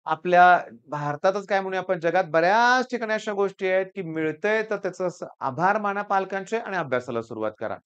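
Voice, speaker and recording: A man's voice: sits high, expressive, a little fast, hardly any pauses, a bit bright, smooth, highs cut off. A man with a Marathi accent giving an earnest motivational talk to students as their tutor, often repeating "I tell you".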